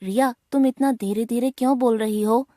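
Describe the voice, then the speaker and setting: A direct young schoolboy asks blunt questions in a slightly high, childlike voice, as a woman voices him. The tone is warm and soft rather than sharp. It is a short exchange in a textbook dialogue. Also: fairly even intonation, normal speed, dry recording, studio quality, close to an everyday voice. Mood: questioning, defending. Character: schoolboy Gagandeep, loud and direct.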